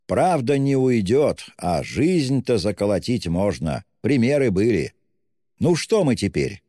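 A man doing a loud, tipsy young man. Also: fairly low pitch, sing-song, unhurried, no echo, studio quality, in a large hall. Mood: ranting. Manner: shouting, effusive, self-abasing. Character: drunk, excitable young man, loud and gushing.

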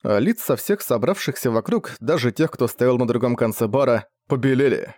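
Male audiobook narrator, steady reading. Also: medium pitch, moderate pace, dry recording, clean studio sound.

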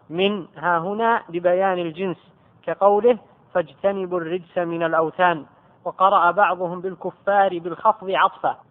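High-voiced man reading a text aloud. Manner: measured, careful recitation. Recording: tinny phone-like lo-fi recording.

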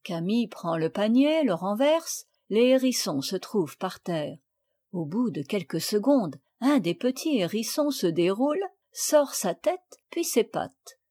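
A woman narrating a classic children's novel in a clear, measured storytelling voice. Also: medium pitch, very animated, warm tone. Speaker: audiobook reader.

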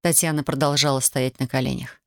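An audiobook reader narrating a novel in a measured, even reading. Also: mid-range voice, no echo, studio quality. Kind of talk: scripted literary narration.

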